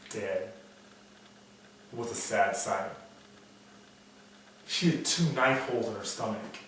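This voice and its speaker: A man's voice: on the low side, takes it slowly, a bit bright. A man playing a cynical, world-weary private investigator, muttering a bleak noir monologue in a brooding storytelling manner. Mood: somber. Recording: echoey room, distant mic, faint noise.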